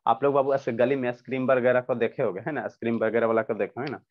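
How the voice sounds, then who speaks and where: A man's voice: mid-range voice, fairly even intonation, racing. A man teaching a science lesson over a video call. He asks questions and answers them himself, repeating each point several times. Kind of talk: online class lecture. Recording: dull lo-fi online class audio.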